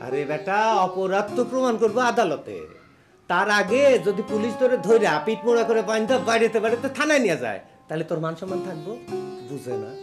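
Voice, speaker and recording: A man's voice: sits high, sing-song, fast, music in the background. An actor playing a middle-aged, belligerent drunk village father in a comic TV drama, ranting sarcastically in a rural Bangladeshi accent. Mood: sarcastic.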